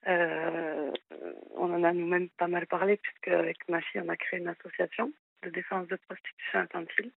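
A woman's voice: on the low side, flat delivery, vocal fry, no echo. Woman in her thirties on a tinny phone line, southwestern French accent. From southwest France. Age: 30s. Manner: hesitant, many pauses and fillers. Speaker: caller. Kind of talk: radio call-in conversation. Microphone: telephone.

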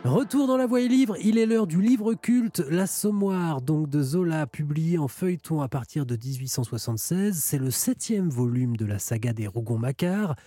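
Radio book show host guy, brisk questions, mellow slightly husky voice. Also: fairly high pitch, animated, no room sound, faint music behind. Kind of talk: radio interview.

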